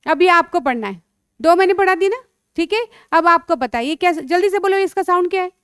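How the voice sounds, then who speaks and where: A woman teaching children phonics, sounding out letters slowly and coaxing the pupils along. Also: very high-pitched, animated, fairly bright tone, no echo, studio quality. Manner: slow, drawn-out sounding of letters; coaxing, calls pupils beta.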